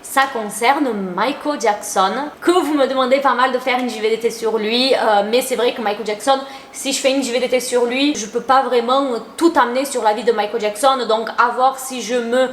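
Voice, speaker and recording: A woman's voice: a little high, steady tone, moderate pace, few pauses, fairly bright tone, slight background noise. A young adult woman giving casual, chatty commentary to her viewers, opinionated and full of slang. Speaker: YouTuber. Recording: roomy echo.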